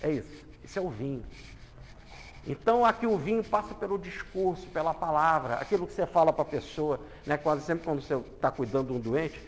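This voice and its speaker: A man preaching a sermon, animated, acting out quoted voices and moving between loud and hushed passages. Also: on the high side, brisk. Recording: long hall reverb.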